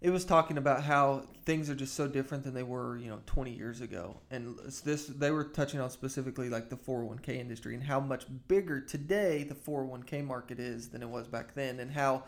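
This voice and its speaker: A man's voice: medium pitch, brisk, few pauses. A man co-hosting a financial podcast, speaking conversationally and rephrasing as he goes.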